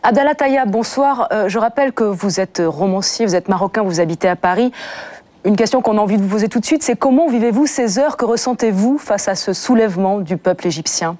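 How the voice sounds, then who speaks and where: A woman news anchor asking brisk, formal questions in a TV interview. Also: mid-range voice, lively intonation, a little mellow.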